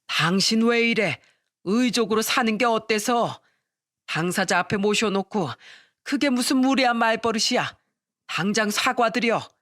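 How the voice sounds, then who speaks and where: A woman's voice: on the high side, measured pace, fairly bright tone, dry recording, clean studio sound. A woman reading the part of a remorseful man in his sixties, talking in an emotional, pleading way, for an audio story. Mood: stern scolding.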